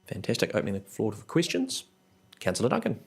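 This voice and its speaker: Creaky-voiced New Zealand man chairing. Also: on the low side, huge pitch swings. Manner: brisk, businesslike. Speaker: committee chair. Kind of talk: formal meeting procedure. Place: council chamber.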